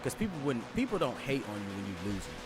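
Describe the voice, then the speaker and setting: Male vlogger, mid-pitched, animated and foul-mouthed rant over a backing track. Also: quick pace. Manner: profane, animated, addresses listeners as bro. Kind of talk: casual rant to camera. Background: background music.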